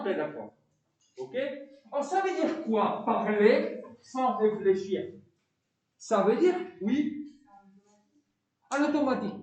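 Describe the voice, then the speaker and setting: Animated man lecturing in an echoey room. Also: high voice, recorded from a distance, dull audio. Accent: foreign accent in French. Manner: animated, questions students constantly, repeats words. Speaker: philosophy teacher. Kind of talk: classroom lecture. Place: classroom.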